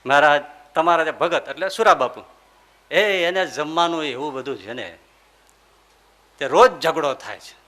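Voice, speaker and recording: A man's voice: fairly high pitch, moderate pace, pauses often, bright, forceful tone, voice pushed down. A man voicing a weary old village wife. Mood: weary pleading.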